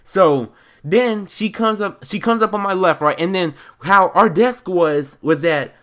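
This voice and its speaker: A young American man from Chicago telling a story as a casual, animated rant, in an emphatic, indignant, slangy and rambling way. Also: sits high, measured pace. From Chicago, United States.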